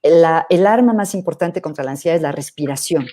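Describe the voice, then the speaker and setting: A middle-aged woman psychologist, answering questions in a thoughtful, measured way with hesitant restarts. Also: low-pitched, mellow. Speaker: psychologist guest. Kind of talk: live interview answering questions.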